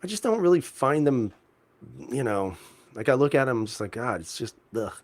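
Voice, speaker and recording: A man's voice: mid-range voice, big pitch swings, brisk, a little mellow. A man hosting a casual livestream, reading viewer comments aloud and answering them in a laid-back, chuckling way with many fillers and restarts. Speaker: livestream host reading chat. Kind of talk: casual live-chat talk.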